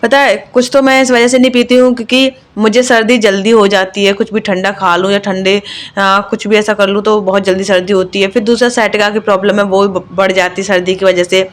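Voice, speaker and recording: A woman's voice: medium pitch, flat delivery, brisk. A woman and mother narrating her own home vlog in a chatty, confiding voice-over, with lots of fillers. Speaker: vlogger, mother.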